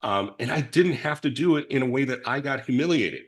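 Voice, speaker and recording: Speaking briskly and expressively in a mid-range register, a middle-aged man recounts his recovery in a loud, big voice. The telling is reflective and meandering, full of false starts and self-mocking remarks.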